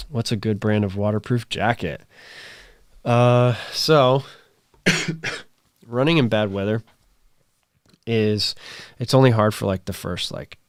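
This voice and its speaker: With a lowish, strained, and raspy voice that is a little mellow, a livestream host in his thirties rambles casually with plenty of fillers while reading viewer comments. The audio is studio quality, with no echo.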